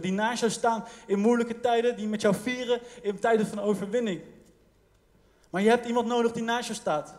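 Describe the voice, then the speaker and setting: Energieke predikant met hoge stem. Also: male voice, sits high. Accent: Dutch. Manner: energetic, repeats phrases, calls out to the congregation. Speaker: pastor. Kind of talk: sermon. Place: large church hall. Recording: reverberant church hall.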